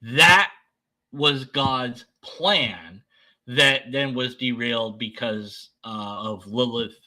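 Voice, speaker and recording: Sardonic man, slow and sharply bright. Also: medium pitch, low-quality recording. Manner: sardonic, dismissive. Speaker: commentator debunking another person's video. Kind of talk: unscripted reaction commentary.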